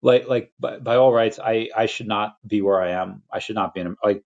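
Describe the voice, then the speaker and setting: A man's voice: on the low side, moderate pace, darkish tone. Rambling young man on a lo-fi stream. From Peru. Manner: rambling, restarts often, laughs between thoughts. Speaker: crypto livestream host. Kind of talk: casual livestream chat. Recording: lo-fi dull audio.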